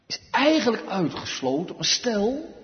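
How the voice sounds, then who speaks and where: A man preaching a sermon who swings between hushed, slow passages and loud, pleading cries. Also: sits high, sing-song. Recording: dull sound with long hall reverb.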